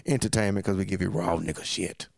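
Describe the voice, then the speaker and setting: A man's voice: low voice, steady tone, creaky, a little mellow, no room sound, studio quality. A young man with a Southern accent, co-hosting a casual podcast chat in a joking, profane way. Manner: joking, profane, drawn-out phrasing. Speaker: podcast co-host.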